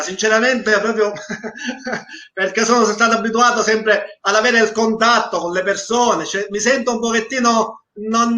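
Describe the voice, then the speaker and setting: A man with a Sicilian accent speaks in a high, bright voice. He is a guest poet who talks and recites on a talk show, recorded with a roomy echo. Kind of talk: studio talk and poetry recitation.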